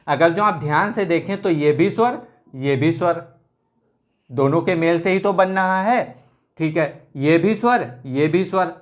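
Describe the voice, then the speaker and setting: A man teaching a grammar lesson at a whiteboard, asking himself questions and then answering them, and stretching out vowels in the example words. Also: sits high.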